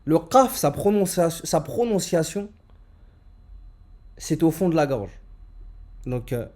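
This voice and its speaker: Soft-spoken, slow, mellow male teacher. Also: on the high side. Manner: explains calmly, then reads words slowly and loudly for repetition. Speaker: Arabic teacher. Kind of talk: alphabet reading lesson.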